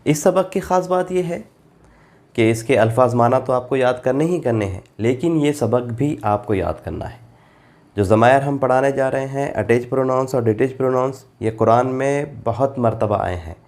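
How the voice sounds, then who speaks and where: A man's voice: mid-range voice, darkish tone. A male teacher giving a Quran translation class, reading Arabic phrases and explaining their meanings patiently, repeating forms for drilling. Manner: reads Arabic phrases then gives Urdu meanings, slow and deliberate. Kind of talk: classroom grammar lesson.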